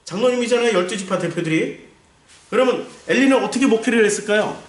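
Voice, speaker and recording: A man, a pastor, teaching a Bible lecture in a lively way, asking rhetorical questions and acting out scenes. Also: high voice, fast. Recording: roomy echo, distant mic.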